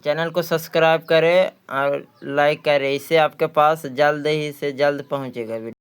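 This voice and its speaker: With a clean tone on the high side, fairly even intonation, and a moderate pace, a Bihari-accented man works through questions in a maths practice lesson for an exam. He repeats phrases often and asks questions only to answer them himself.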